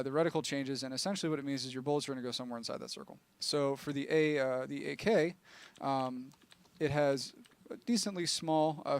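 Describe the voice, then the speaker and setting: A man with a gravelly, creaky voice walks through game changes in an easygoing livestream chat. He talks loosely, with plenty of ums and restarts. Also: a little high. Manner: relaxed, explanatory, many fillers. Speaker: game developer. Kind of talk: casual livestream explanation.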